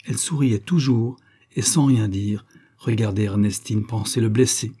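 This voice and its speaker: A man reading a serial novel aloud as an audiobook, with measured, expressive phrasing in short clauses. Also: fairly low pitch, breathy edge. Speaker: audiobook narrator.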